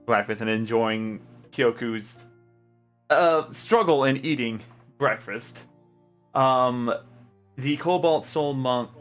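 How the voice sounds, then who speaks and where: A man's voice: mid-range voice, fairly bright tone. A man running a tabletop role-playing stream as game master, talking casually with many fillers.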